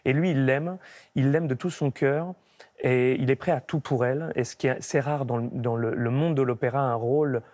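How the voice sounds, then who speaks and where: This man, an opera tenor in his thirties, talks at a normal pace with a medium-pitched, slightly mellow voice. Interviewed in a TV studio via a broadcast mic at medium shot, he is thoughtful and reflective, with frequent restarts.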